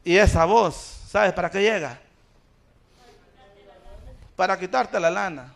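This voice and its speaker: A man's voice: high-pitched, takes it slowly, gravelly. A man. He throws rhetorical questions at the congregation and stacks repeated phrases. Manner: preaching with rising intensity, rhetorical questions to the congregation. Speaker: pastor. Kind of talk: sermon. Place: church.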